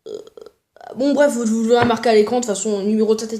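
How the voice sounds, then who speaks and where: A woman's voice: a little high, steady tone, fast, warm tone. A young woman YouTuber giving casual, mocking commentary on other channels, joking and plugging her own videos. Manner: mocking, jokey, self-promoting.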